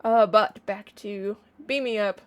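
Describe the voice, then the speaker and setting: Casting: woman, online reaction streamer, casual excited chat, playful and enthusiastic delivery, mid-range pitch. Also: measured pace, dull audio. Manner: bubbly, playful, gushing enthusiasm.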